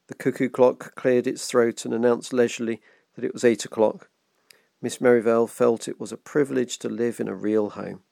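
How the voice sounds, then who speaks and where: A man hosting a virtual book club, reading a children's novel aloud in a gentle, measured way. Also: mid-range voice, vocal fry, no echo, studio quality. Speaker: book club host and reader.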